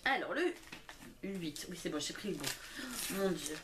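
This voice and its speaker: A young woman, a book blogger, chatting casually and gushing with excitement as she opens presents at home. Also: on the low side, normal speed, heavy background noise. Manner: excitable, gushing, full of exclamations. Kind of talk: casual unboxing chat.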